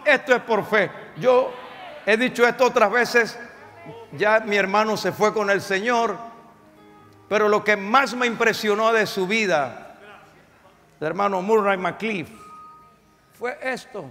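A man preaching a sermon as pastor, telling a story dramatically, swinging from shouts to hushed tones. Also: high voice, big-room sound. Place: church sanctuary.

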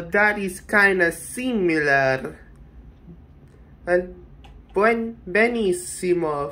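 A man's voice: high voice, bright, forceful tone. A man hosting a comedy sketch in a playful, mock-dramatic way, quizzing each country in turn.

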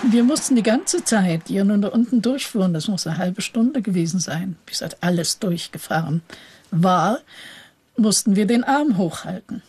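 A woman's voice: mid-range voice, expressive, moderate pace, a little mellow, husky, soft background music. An older woman recalling events as an eyewitness in a spontaneous interview.

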